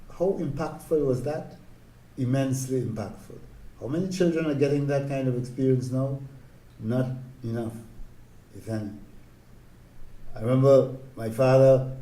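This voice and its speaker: An older man from Tobago with a Tobagonian accent, reminiscing in an interview in a calm, gentle, deliberate way. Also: medium pitch. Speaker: interviewee, village elder sharing memories. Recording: roomy, echoing interview recording.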